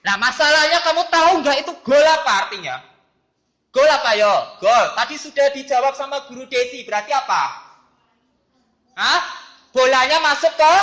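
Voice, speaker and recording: A middle-aged teacher, playfully teasing students and calling on them by name in a lively online class. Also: high-pitched, echoey room.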